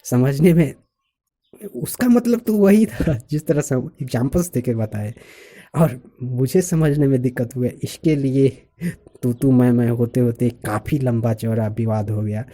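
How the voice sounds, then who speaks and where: Male vlogger, husky and very dark tone, chatty explainer who stresses his examples. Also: mid-range voice. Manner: chatty, laughs now and then, stresses example phrases. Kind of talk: casual explanatory monologue.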